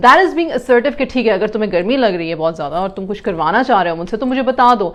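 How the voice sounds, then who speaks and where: A woman's voice: mid-range voice, animated. A woman explaining communication to parents, mixing in English terms and acting out example lines.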